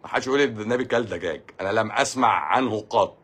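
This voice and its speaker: An Egyptian man hosting a casual live stream, answering viewer comments with quick jokes. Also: on the low side, fairly bright tone, husky. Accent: Egyptian Arabic. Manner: quick, joking, reads viewer comments aloud.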